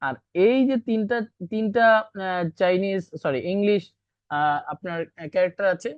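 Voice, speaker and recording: A teacher leads an online beginner class, slowly repeating each practice syllable and often slipping English words into the explanation. The call audio sounds dry and muffled, with no room echo. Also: medium pitch, lively intonation, clean tone. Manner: repeats drilled syllables, code-mixes English. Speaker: Chinese language teacher. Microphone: video call.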